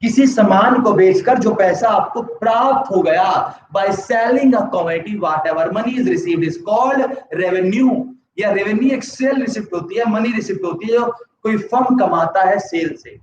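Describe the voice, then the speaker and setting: A man with a high voice and a sore throat teaches a live online economics class, mixing English terms into his speech and asking students yes-or-no questions. He speaks unhurriedly with few pauses, over a noisy background, and the recording sounds echoey, distant, and slightly dull.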